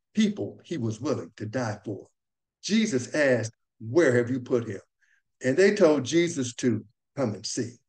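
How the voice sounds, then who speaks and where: A man's voice: medium pitch, a little mellow. Man teaching a Bible lesson.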